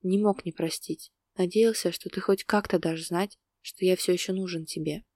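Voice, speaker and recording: A woman with a lowish, darkish voice reads at a moderate pace with fairly even intonation, in a dry recording. In a storybook reading she voices a distraught adult man, a restrained lover torn up inside, who speaks through gritted teeth, tense and urgent. The mood is tender.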